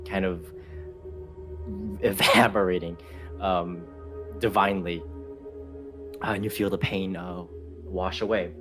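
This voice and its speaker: A man narrating a tabletop game as dungeon master, with a halting delivery full of ums and uhs. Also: deep voice.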